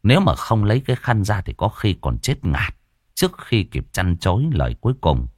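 Deep-voiced man telling a ghost story. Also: brisk, dry recording, clean studio sound. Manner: dramatic, expressive storytelling with coarse folk curses.

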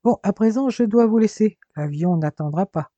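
A man's voice: sits high, animated, normal speed, warm tone, no echo, lo-fi sound, voice pushed up. A man voicing a menacing male swindler who taunts with a gun, sneering and gloating. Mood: smug.

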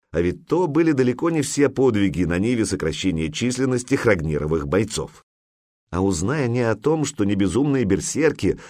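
A man narrating an adventure audiobook in an expressive, storytelling manner. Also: lowish voice, dry recording, clean studio sound.

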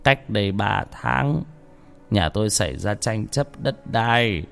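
A man reading a horror story aloud, with dramatic shifts of pitch for tension. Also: expressive, slow, creaky, fairly bright tone, smooth, soft background music. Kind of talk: scripted horror story narration.

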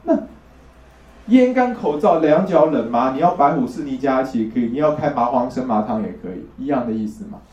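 Teaching traditional Chinese medicine in a classroom, a man speaks fairly quickly in a mid-range, somewhat mellow voice with lively intonation. He lays things out step by step and keeps checking that his listeners are with him, heard through a distant, roomy lo-fi recording.

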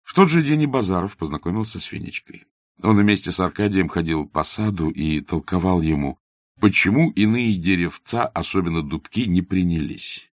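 A man narrating a classic novel as an audiobook in a measured, even reading. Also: low-pitched, dry recording, studio quality.

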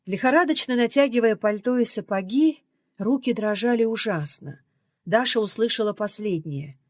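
A woman reading a novel aloud as audiobook narrator, in a measured storytelling delivery. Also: on the high side, animated, no echo. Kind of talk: scripted narration. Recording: dry close recording.

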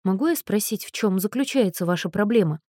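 A woman's voice: mid-range voice, expressive, fairly quick, a little mellow, no echo, studio quality, natural voice. Woman reading a polite, hesitant young woman.

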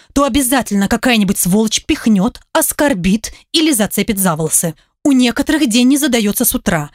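A woman reading a first-person story aloud, lively and ironic. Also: fairly high pitch, no room sound, clean studio sound. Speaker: audiobook reader. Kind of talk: scripted first-person narration.

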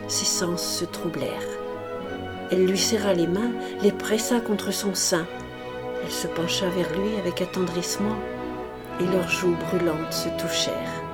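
Woman narrating a classic novel. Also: lowish voice. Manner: measured, dramatic reading. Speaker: audiobook reader. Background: music.

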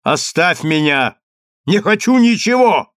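A man voicing a stern, commanding man who speaks firmly and loudly. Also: on the high side, expressive, unhurried, no room sound, clean studio sound, pitched above the performer's own voice. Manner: firm and loud. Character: stern, commanding man confronting his accusers.

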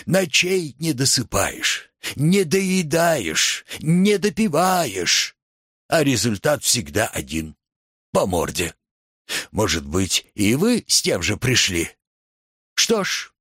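A man's voice: mid-range voice, huge pitch swings, slow, a bit bright, husky, dry recording, clean studio sound, pitched above the performer's own voice, heavily acted. A man voicing a plump, fussy male boss who talks in a bitter, wheedling, self-pitying way.

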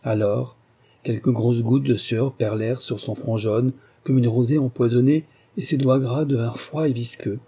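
Dark, husky male audiobook narrator. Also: medium pitch, steady tone. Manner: measured, literary. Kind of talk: scripted narration.

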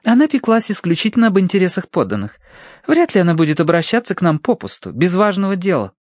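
A man reading an audiobook voices a composed young woman who reasons calmly and earnestly. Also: sits high, fast, no room sound, studio quality, pitched above the performer's own voice. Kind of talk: audiobook character voice.

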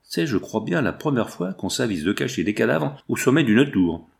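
A man's voice: mid-range voice, sing-song, normal speed, gravelly. A man reading a chatty young intern. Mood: musing. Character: young male hospital intern, talkative, jovial.

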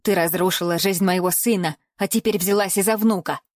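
A woman reading an audiobook and voicing an old, half-mad grandmother who sees spirits, speaking lower and slower in a hushed tone. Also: fairly even intonation, no room sound, studio quality, natural voice. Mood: spiteful. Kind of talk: audiobook character voice.

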